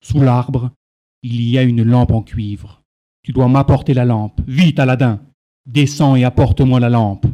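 A man's voice: mid-range voice, steady tone, unhurried, dark tone, close to an everyday voice. Man plays scheming magician, commanding and impatient, storybook reading.

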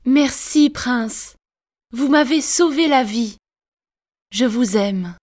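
A woman voicing a gentle young princess in a slowly read storybook. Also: very high-pitched, huge pitch swings, exaggerated voice. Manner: slow, carefully articulated storybook reading.

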